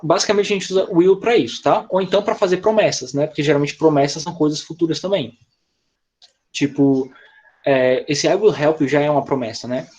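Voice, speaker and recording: A man's voice: on the high side, brisk, darkish tone. A male English teacher with a Brazilian Portuguese accent, explaining grammar step by step in an online class over a video call. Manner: patient, explains step by step with frequent "tá?" and "né?".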